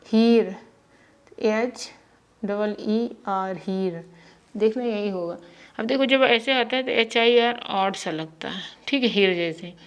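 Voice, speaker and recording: A woman teacher giving a spelling lesson, slowly spelling names out letter by letter. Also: medium pitch.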